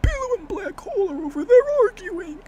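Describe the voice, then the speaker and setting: A woman voicing a high-pitched, excitable female cartoon object, squeaky and breathless. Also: a little fast, loud music behind the voice. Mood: excited.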